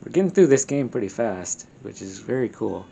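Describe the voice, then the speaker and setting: A man's voice: fairly low pitch, very animated, brisk, creaky, dark tone, a little hiss or hum. A man chatting casually while playing a co-op video game, laid-back, chuckling, often trailing off mid-sentence. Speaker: co-op game player. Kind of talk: casual gameplay chat.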